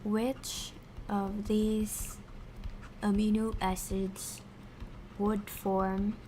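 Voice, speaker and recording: A woman's voice: mid-range voice, a little mellow, a little hiss or hum. A woman streamer teaching science in a casual live session, talking to herself as she works through problems. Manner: talks to herself while working through problems. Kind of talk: casual live tutoring, thinking aloud.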